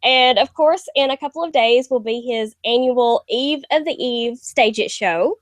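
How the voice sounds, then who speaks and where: A woman with a Southern US accent hosting a casual interview, bubbly and quick to laugh. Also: on the high side, no room sound. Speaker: host.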